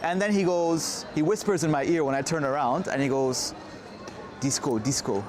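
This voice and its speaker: Man, travel vlogger, casual walking narration, chatty, higher pitch, noisy urban street. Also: brisk, darkish tone. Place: busy city street outdoors. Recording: noisy outdoor city street, traffic. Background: street noise and vehicles.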